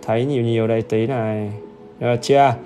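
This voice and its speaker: A man's voice: mid-range voice, fairly even intonation, quick pace, warm tone, faint music behind. A man teaching English on a livestream, upbeat and chatty, often checking in with viewers. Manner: upbeat and chatty, keeps urging viewers to comment; repetitive check-ins with the audience. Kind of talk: livestream exam-review lesson.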